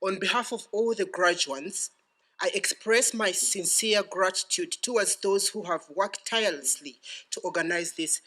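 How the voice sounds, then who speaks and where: Bright-voiced Ugandan man giving a podium speech. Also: sits high. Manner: ceremonial, deliberate phrasing. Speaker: graduating PhD student giving vote of thanks.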